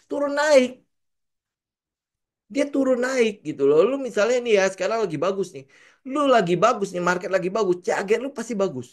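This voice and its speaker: In a high-pitched voice, a man coaching on trading speaks with a Jakarta-slang Indonesian accent in a casual lesson. He asks question after rhetorical question and dramatizes what traders say.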